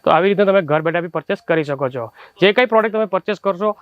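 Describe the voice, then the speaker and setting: Fast-talking Gujarati salesman, high voice. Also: animated, muffled recording. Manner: rapid sales patter with frequent restarts. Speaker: wholesale clothing shop presenter. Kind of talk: unscripted product showcase.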